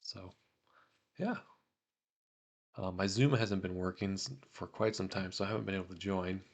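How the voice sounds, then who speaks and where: A young man with a low, gravelly voice hosts a relaxed hobby vlog. He talks loosely and fills his pauses with ums and uhs, and he reads letters aloud in the same easygoing way. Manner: relaxed, many fillers and pauses. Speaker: autograph collector vlogger.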